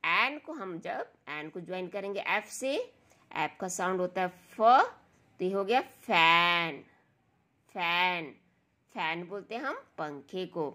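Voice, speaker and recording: A woman leads a children's phonics lesson, sounding out letters one at a time. Her voice is bright and sits a little low, and she takes her time with every word. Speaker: phonics teacher.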